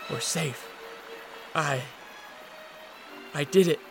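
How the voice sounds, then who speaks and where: An actor playing a wary, sheltered vampire count in a radio drama, guarded and earnest. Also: male voice, fairly high pitch, very slow, gravelly, loud music behind the voice, heavily acted. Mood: wary, subdued.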